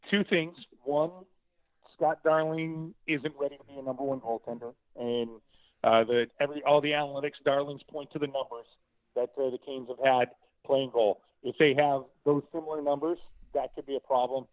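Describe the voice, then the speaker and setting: A man's voice: mid-range voice, steady tone, moderate pace, no room sound. A male hockey broadcaster calling in as a guest, giving confident, joking analysis of his team. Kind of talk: sports talk call-in. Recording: tinny phone line.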